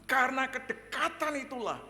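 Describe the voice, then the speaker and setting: Animated male pastor in an echoey hall. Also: very high voice, moderate pace. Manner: animated, chuckles often, addresses the congregation directly. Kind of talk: sermon with personal storytelling. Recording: echoey hall, faint background noise.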